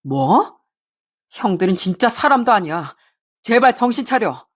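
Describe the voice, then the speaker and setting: A woman voicing an angry husband who shouts bitterly at his family. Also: mid-range voice, sing-song, unhurried. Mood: bitter fury. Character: furious, fed-up younger husband.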